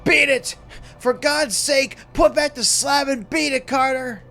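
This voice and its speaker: A terrified man , as a male storyteller acts him out, cries out in a horror tale. His voice is strained and trembling, forced far up in pitch. He pleads urgently like someone who knows he is doomed, with music faintly behind. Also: steady tone, a little slow, sharp tone, heavily acted. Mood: frantic urgency. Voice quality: strained, shaky, pushed high. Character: Harley Warren, terrified doomed man crying out from a vault. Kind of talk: dramatic horror story reading.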